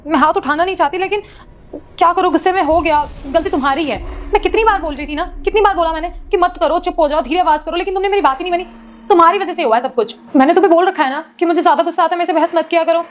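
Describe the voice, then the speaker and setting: A woman's voice: very high voice, very fast, a little hiss or hum. A woman playing a hot-tempered young wife in a short domestic drama, who scolds, justifies herself and pleads. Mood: scolding. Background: faint background music.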